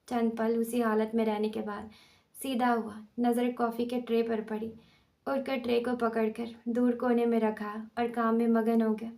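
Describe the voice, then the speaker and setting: A woman narrating a romantic novel aloud in a steady, even manner. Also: a little high. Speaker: audiobook narrator. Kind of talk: scripted narration.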